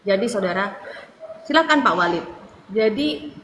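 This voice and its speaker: A woman's voice: medium pitch, lively intonation, unhurried, a bit bright, slight background noise, low-quality recording. A woman from Madura, an evangelist preaching on a live stream, earnest and pleading, near tears at times, ending many phrases with a tag word. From Madura, Indonesia.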